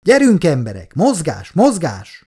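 A male audiobook reader voicing a gruff expedition boss who barks curt orders. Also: mid-range voice, lively intonation, natural voice. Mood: shouting orders. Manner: shouting, curt commands. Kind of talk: audiobook character voice.

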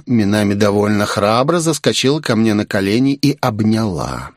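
A man narrating a first-person audiobook in a wry, expressive storytelling manner. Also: lowish voice, normal speed, no room sound, clean studio sound.

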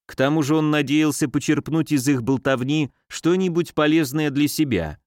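A man reading a novel aloud in an even storytelling manner. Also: fairly high pitch, normal speed, no echo, studio quality. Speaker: audiobook reader. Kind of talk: audiobook narration.

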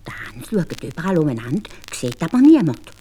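Low-voiced Swiss-German woman storyteller. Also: a little fast, a little hiss or hum. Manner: expressive, animated storytelling. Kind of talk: fairy tale narration.

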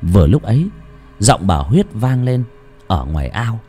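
Brief: male audiobook narrator, warm, dark tone, highly animated delivery. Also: a little slow, breathy edge. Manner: expressive storytelling with wide swings in pitch. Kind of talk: scripted horror story narration. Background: faint music.

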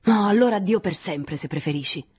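A curt, impatient young man, read by a woman with a husky, lowish voice. Each line comes out clipped and reproachful, recorded close and dry. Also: quick pace, warm tone, dry recording. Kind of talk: audiobook reading.

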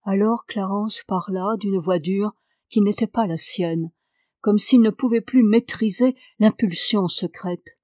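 A woman's voice: medium pitch, a little slow, warm tone, no room sound. Woman reading a novel, dry and close. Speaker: audiobook reader.

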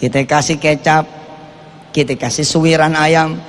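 High-voiced man preaching in a hall. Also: moderate pace. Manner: animated preaching, voice rising and falling sharply, acting out quotes. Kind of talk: televised sermon. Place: large hall with a congregation. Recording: long hall reverb, faint noise.

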